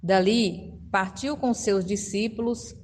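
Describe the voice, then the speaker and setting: Female announcer, slow formal delivery, long reverb tail. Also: medium pitch, a little mellow. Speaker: chapter announcer. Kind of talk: scripted announcements.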